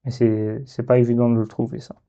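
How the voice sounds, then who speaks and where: Male teacher, French accent, unhurried step-by-step lesson delivery, dark muffled tone. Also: mid-range voice, little pitch movement. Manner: slow, patient, drawn-out sounding of syllables.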